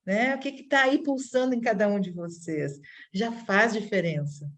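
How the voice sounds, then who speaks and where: A woman's voice: medium pitch, moderate pace, fairly bright tone. A woman hosting an interview, asking easy questions and giving short encouraging backchannels. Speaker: host. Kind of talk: casual interview talk.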